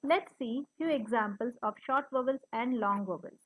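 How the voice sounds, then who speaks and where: A woman's voice: a little high, normal speed. A woman teacher explaining short and long vowels, sounding out letters one by one. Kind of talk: phonics lesson. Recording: slightly dull, lo-fi recording.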